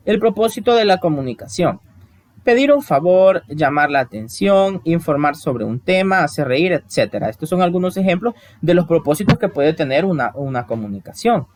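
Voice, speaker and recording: Man teaching, higher voice. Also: no echo. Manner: explains step by step and asks the class questions. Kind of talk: recorded online lesson.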